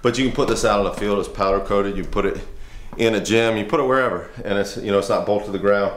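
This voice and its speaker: A man's voice: lowish voice, fast. A man in his thirties, a firefighter and trainer, giving a casual, earnest workout demo in a home garage, rambling with restarts.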